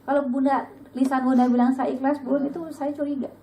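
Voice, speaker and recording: A middle-aged woman giving a casual religious talk to a women's study group, lively and chatty, acting out bits of dialogue. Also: a little fast, rough recording. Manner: lively, chatty, acts out dialogue with sudden high pitch.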